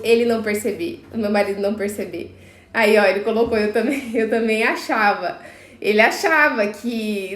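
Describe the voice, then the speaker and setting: Woman host from Brazil, casual live talk, quotes voices higher, slightly high pitch. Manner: chatty, many fillers, acts out quotes in a higher voice. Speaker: live-stream host, mother. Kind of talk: casual personal story on a live stream. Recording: echoey room.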